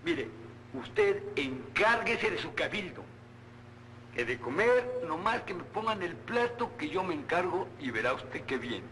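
An actor with a Mexican accent playing a cheeky, hungry young slacker, wheedling and fussy, in an old film comedy. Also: male voice, fairly high pitch, big pitch swings, measured pace, pushed and bright, full character voice. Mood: cheeky, complaining. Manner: wheedling, impudent, fussy with diminutives. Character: cheeky, hungry, lazy young cyclist working at a tailor's. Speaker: comic actor. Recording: roomy, noisy old film soundtrack.

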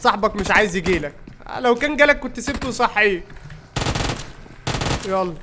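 A man with an Egyptian accent giving excited, teasing commentary while playing a game with friends. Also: high-pitched, a little fast, noisy background. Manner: teasing, excitable, taunts opponents. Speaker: gaming streamer. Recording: gameplay audio with gunfire behind.

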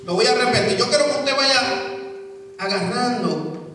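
High-voiced man preaching loud, heard from far back in a big echoey church. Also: moderate pace, over music. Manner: preaching with shouted peaks and quiet asides, repeating phrases. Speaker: pastor. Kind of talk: fiery Spanish sermon. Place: church sanctuary with stage. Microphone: handheld mic.

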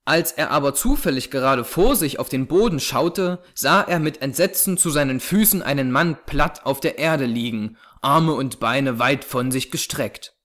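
A man reading a classic novel aloud as narrator, with measured, suspenseful storytelling. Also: mid-range voice, fairly bright tone.

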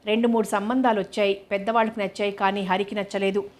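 A woman narrating a storybook in a steady, unhurried reading voice. Her pitch sits in the middle and barely moves, giving a flat, even delivery.

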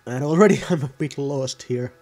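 A man's voice: medium pitch, normal speed, darkish tone. A man giving casual, rambling gameplay commentary, often correcting himself mid-sentence. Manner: rambling, self-correcting, offhand. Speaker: gaming video host.

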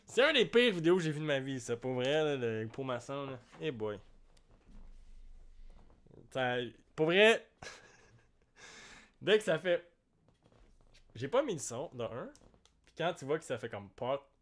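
A young man with a Québécois French accent, hosting a live card-break stream and joking with viewers in a slangy, excitable way. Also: medium pitch, a little slow, pauses often. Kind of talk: live card-opening commentary.

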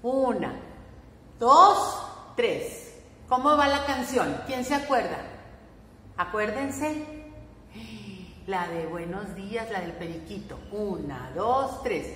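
A woman with a Mexican accent leads a preschool class in a bright, slow, sing-song voice. Her voice rings in a very echoey room with a long reverb tail. Faint room noise sits behind her. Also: mid-range voice. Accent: Mexican Spanish. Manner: animated sing-song, speaking to small children. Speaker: preschool teacher. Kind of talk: singing lesson for young children.

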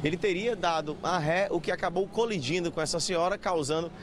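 Street reporter guy, kinda high voice, urgent, traffic going by outside. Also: fairly quick. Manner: urgent, questioning witnesses. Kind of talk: live on-scene news report. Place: busy city avenue outdoors. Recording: street traffic noise behind.

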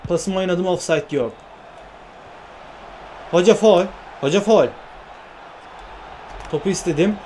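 A man narrating his football video game play in excited, repetitive exclamations. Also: high voice, takes it slowly, pauses often, a little hiss or hum. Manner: exclaiming and repeating phrases. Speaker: gaming YouTuber.

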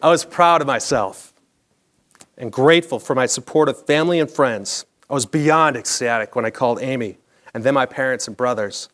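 Before a live theatre audience, a middle-aged American man from around Chicago reads a scripted personal story with a practised broadcaster's style. He speaks at a moderate pace in a mid-range, fairly bright voice, captured through a clip-on lapel mic.

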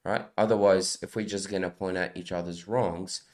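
Deep-voiced man, earnest and halting. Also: fairly even intonation, darkish tone. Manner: earnest, halting, with many restarts. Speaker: podcast co-host. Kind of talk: casual faith discussion. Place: small studio, seated at a table. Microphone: desk microphone on a stand.

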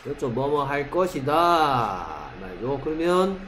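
A man teaching an English lesson in a classroom, checking often whether students follow and reading example sentences out slowly. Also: on the high side, sing-song, fairly bright tone, low-quality recording. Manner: keeps checking understanding with short questions.

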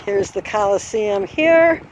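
On an outdoor horse course, a woman who designed it walks through each obstacle for an instructional video, taking her time and sometimes correcting herself. Her mid-range voice has lively intonation. The handheld phone camera picks up faint outdoor noise, and she's sometimes distant from it.

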